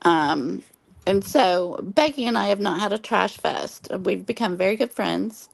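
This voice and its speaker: A woman's voice: medium pitch, animated, unhurried, vocal fry, dry recording. A woman from Oklahoma hosting a casual late-night livestream chat, telling long earnest stories with many ums while losing her voice from smoky air. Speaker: livestream host.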